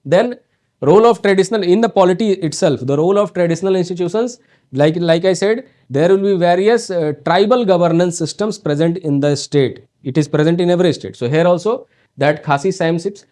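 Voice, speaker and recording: A North Indian man, a coaching teacher, lectures on exam topics in accented English. His voice sits a bit high for a man, and he talks in a halting way, full of fillers and restarts. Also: lively intonation, dark tone. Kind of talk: online exam prep lecture.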